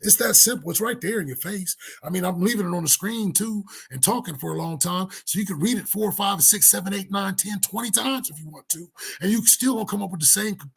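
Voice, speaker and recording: Man, bible teacher, gravelly, husky, casual emphatic talk. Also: high voice, a bit bright. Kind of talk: commentary on a debate clip.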